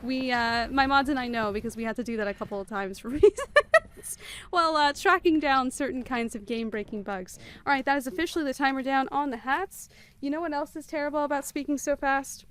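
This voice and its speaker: A woman streaming a game live, talking extremely fast and chatting with viewers as she plays. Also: high-pitched, a bit bright, clean tone. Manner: chatty, greets viewers by name. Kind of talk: live gameplay commentary.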